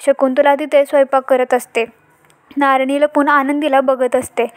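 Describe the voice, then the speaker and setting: A woman with a Marathi accent recapping a TV serial episode in steady storytelling narration. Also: high-pitched, normal speed.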